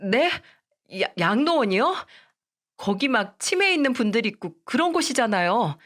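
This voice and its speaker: A woman's voice: a little high, sing-song, normal speed, fairly bright tone, voice pushed up. A woman voicing a young daughter-in-law in a radio story, pleading and begging.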